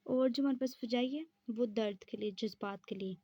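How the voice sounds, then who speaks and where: A woman's voice: fairly high pitch, normal speed, dark tone, slightly rough, no room sound, lo-fi sound. A woman teaching an exam-prep lesson, explaining step by step and answering her own questions.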